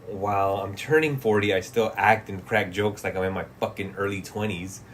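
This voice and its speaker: A streamer in his late thirties chats casually on a livestream, reading chat messages and answering in a laid-back, profane way that often trails off into mumbles. His lowish voice is steady and moderately paced, with slight background noise.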